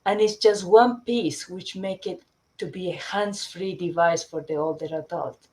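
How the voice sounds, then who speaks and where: A middle-aged Chilean woman who founded a company presents her product in a webinar, her voice low and dark. She speaks hesitantly, often pausing with fillers and restarting her sentences.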